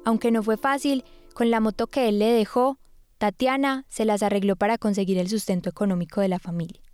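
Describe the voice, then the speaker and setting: A woman reading scripted documentary narration in a measured, composed way. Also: medium pitch, fairly even intonation, a little mellow, clear, resonant tone, no room sound, faint music behind.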